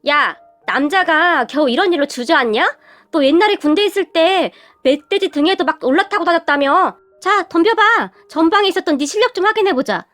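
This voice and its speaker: Mocking tough young wife, high sharp voice, faint music, put on by a woman storyteller. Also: expressive, brisk. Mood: scornful. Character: blunt tough young wife, fearless and scornful.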